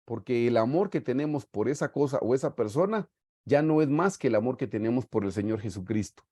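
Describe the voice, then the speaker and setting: A middle-aged man from Guatemala preaches to a small online Bible study group. His voice sits mid-range, with a mellow, darker tone. The video call sound is dry and close. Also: medium pitch, lively intonation, fairly quick, slightly rough, no echo. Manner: earnest, warm pastoral storytelling, often saying "hermanos". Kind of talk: sermon-style Bible teaching. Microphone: video call mic.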